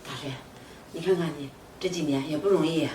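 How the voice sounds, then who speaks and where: A woman's voice: low-pitched, fairly quick, warm tone, slight background noise, lightly acted. Meddling neighbor aunt, middle-aged woman, coaxing matchmaker tone; echoey room. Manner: coaxing, persuasive. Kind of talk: short web drama acting.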